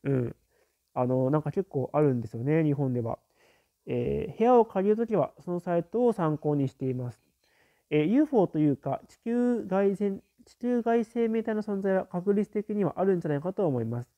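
A man's voice: high-pitched, sing-song, normal speed, highs cut off. A man in a casual live stream, reading viewer comments aloud and musing on them, with many fillers and murmured acknowledgements.

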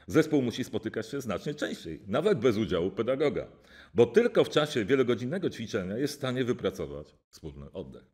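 A man, a music professor, reading a formal academic lecture in a measured way with occasional hesitations. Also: mid-range voice, very animated, darkish tone, breathy edge. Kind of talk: read-aloud academic lecture.

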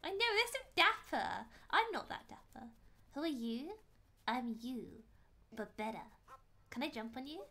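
A young woman streaming a video game live, excitable and giggly as she chats. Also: high voice, measured pace. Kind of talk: live gameplay chat.

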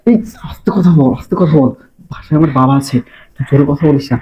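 A man playing a fast-talking, coaxing schemer. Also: a little high, muffled recording, close to an everyday voice. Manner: coaxing, insistent and hushed. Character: scheming young man luring a madwoman.

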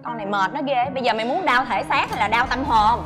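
A woman's voice: a little high, fast talker, loud music behind the voice, close to an everyday voice. An actress playing a flashy, bossy woman who mocks her plain friend. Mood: bossy mocking. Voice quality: loud, bossy, mocking. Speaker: actress in a TV drama.

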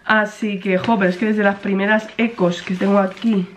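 A woman's voice: medium pitch, flat delivery, moderate pace, slight background noise. A young pregnant woman chatting casually to camera, rambling with many fillers. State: pregnant, in some pain. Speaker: vlogger.

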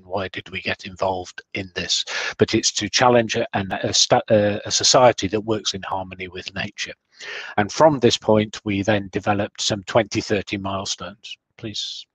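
A man giving a corporate presentation over a video call, measured, with frequent restarts. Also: on the low side, fairly bright tone, husky, no room sound, poor audio. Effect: heard over a video call. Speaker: corporate speaker. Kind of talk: webinar presentation.

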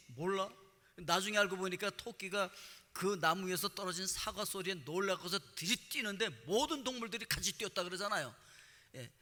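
A middle-aged man as pastor, giving a conversational sermon and telling stories in a lively way, often dropping short affirming words. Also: sits high. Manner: animated storytelling with frequent affirming interjections. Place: church sanctuary. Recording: reverberant hall.

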